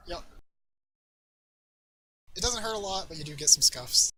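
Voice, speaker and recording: A man's voice: high-pitched, expressive, measured pace, pushed and bright, slight background noise, low-quality recording. A man running a tabletop game as dungeon master, casually explaining rules and loot at length.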